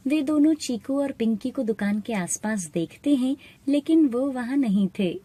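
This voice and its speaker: A woman narrating an animated moral story in a steady, plain storytelling manner. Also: a little high, moderate pace, slightly rough. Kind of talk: scripted narration.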